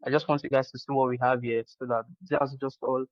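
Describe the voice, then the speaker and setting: A man's voice: medium pitch, flat delivery, a little fast, no echo. A man presenting a product demo over a video call. He explains step by step, often restarting with "so now.". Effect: heard over a video call. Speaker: startup presenter. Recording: dull, dry video call audio.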